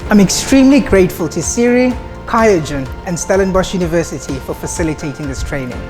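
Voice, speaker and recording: Woman lecturer, excited testimonial, music behind. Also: fairly low pitch, brisk. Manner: enthusiastic. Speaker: associate lecturer. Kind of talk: interview testimonial. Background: background music.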